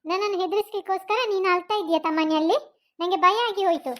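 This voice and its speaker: A woman's voice: extremely high pitch, steady tone, fast talker. A woman voicing a worried, protective mother with a Mangalore Kannada accent, fussing over and scolding her young son.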